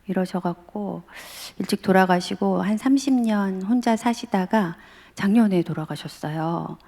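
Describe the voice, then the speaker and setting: A woman's voice: medium pitch, gravelly, mellow, in a large hall. A middle-aged woman professor giving a sermon, telling family stories and speaking directly to the congregation. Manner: storytelling, addressing the congregation directly. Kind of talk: sermon at a dawn revival service.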